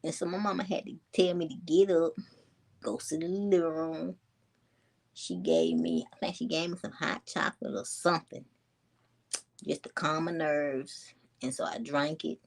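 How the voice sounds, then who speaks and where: A woman, casually telling a story to her viewers in a chatty, animated way. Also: low-pitched, normal speed. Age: 20s. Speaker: vlogger.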